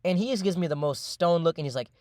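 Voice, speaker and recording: A young man tells a personal story in casual voice-over, rambling and full of slang, profanity and fillers. He talks fast in a slightly high voice. The sound is dry and close. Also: expressive, a little mellow, no room sound.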